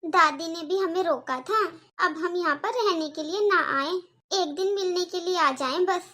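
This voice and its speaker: An outspoken young girl, voiced by a woman for a Hindi-language cartoon, talking in a very high, sharp voice. She pleads earnestly and stands up for her mother. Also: moderate pace. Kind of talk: cartoon voice acting.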